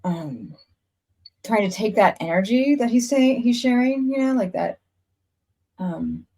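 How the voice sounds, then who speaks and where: A woman hosts a casual podcast chat, talking earnestly in long, rambling stretches with frequent restarts. Her voice is on the high side, very animated, a little slow, and dark in tone.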